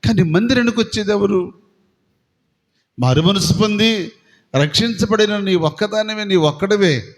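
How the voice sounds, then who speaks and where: High-voiced pastor preaching in a reverberant hall. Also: male voice, unhurried, long pauses. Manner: asks the congregation questions, acts out biblical voices. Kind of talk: sermon. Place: prayer hall.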